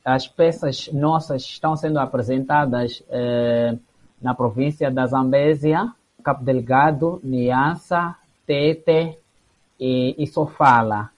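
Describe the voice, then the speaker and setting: A member of a theatre association answers interview questions hesitantly, leaning on many fillers. His voice is medium in pitch and he speaks slowly. The recording has a dull, lo-fi broadcast quality.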